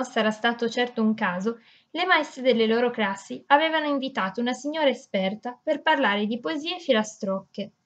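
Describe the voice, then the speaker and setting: A woman narrates a children's story in a fairly high, expressive voice. Her read-aloud is lively, with small slips she corrects as she goes. The recording sounds somewhat dull and lo-fi. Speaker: audiobook narrator.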